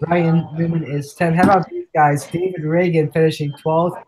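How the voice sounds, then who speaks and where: Here the podcast host, who has a cold, coughs his way through a loose sim-racing recap chat while reading off race results. The man's voice is a little high and level, at normal speed, with noise in the background.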